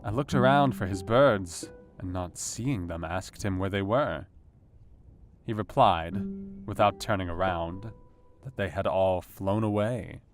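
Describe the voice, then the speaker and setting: An actor playing a brooding, intellectual Victorian asylum doctor, speaking a measured, formal diary monologue in a radio play. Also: male voice, low-pitched. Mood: measured, reflective. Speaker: actor in an audio drama. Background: guitar music.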